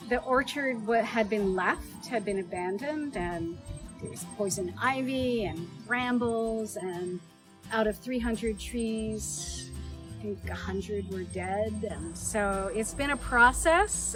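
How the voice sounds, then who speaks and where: Slow-speaking woman orchard owner. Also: medium pitch, music in the background, low-quality recording. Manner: slow and earnest, with restarts. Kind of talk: documentary interview.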